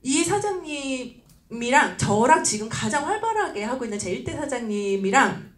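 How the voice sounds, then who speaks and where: A woman giving a seminar talk as a lively story, acting out voices and laughing often. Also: high voice, moderate pace. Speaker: speaker at a business seminar. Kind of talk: animated storytelling lecture. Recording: roomy echoey hall.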